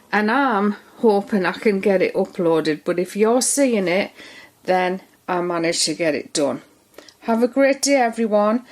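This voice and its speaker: Woman, soap making tutorial, chatty, thinks aloud while working, unhurried speech, fairly high voice. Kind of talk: casual step-by-step demonstration.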